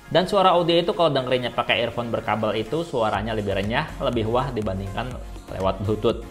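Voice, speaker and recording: A man presents a tech review in a casual, scripted style. His voice sits at a medium pitch, with music playing behind it. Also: a bit bright. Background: background music.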